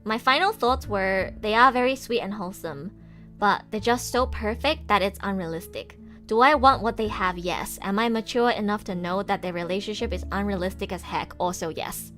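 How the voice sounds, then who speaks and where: Woman streamer ranting casually, swears and laughs a lot, soft music under. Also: medium pitch, moderate pace. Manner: animated, exasperated ranting with frequent laughs and swearing. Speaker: VTuber streamer. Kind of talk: casual livestream chat.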